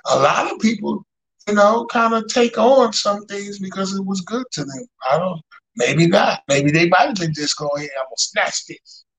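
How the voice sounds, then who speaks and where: A man's voice: high-pitched, animated, normal speed, fairly bright tone, poor audio. A man co-hosting a casual faith talk show in a playful, colloquial way. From Detroit, United States.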